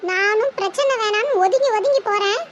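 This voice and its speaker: A woman voicing a fiery young village mother with a Tirunelveli Tamil accent, quick to quarrel and scold, in a cartoon. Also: very high-pitched, dull audio, heavy background noise. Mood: angry. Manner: combative, scolding. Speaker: daughter-in-law. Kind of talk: cartoon voice acting.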